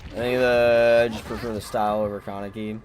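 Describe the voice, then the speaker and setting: A man's voice: on the low side, little pitch movement, brisk, a little mellow. A man giving live gameplay commentary, thinking aloud, muttering and swearing at the game as he plays. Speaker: gaming channel host.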